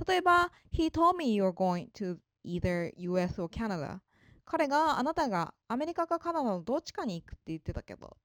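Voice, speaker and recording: A woman giving a polite, explanatory spoken lesson on English, slowing down to read out example sentences. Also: on the high side, no room sound, clean studio sound. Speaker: English teacher.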